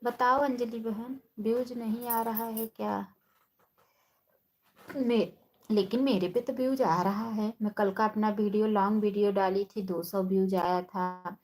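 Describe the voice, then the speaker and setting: A woman hosting a casual live stream, chatting with viewers by name and speaking softly and slowly on a phone. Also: medium pitch, fairly even intonation, slight background noise, low-quality recording. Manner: talks softly and slowly, holding her voice down.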